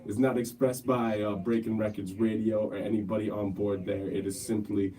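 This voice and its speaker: A man's voice: fairly low pitch, little pitch movement, moderate pace, warm tone, distant mic. A man co-hosting a podcast, bantering casually in brash, profane slang. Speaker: podcast co-host. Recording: noisy room, off the mic.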